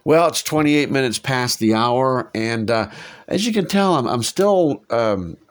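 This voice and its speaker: Teaching a Bible passage in a warm, musing, conversational way, a man with a head cold and a lingering cough keeps asking his audience rhetorical questions. His voice is medium-pitched and expressive, and he speaks a little slowly.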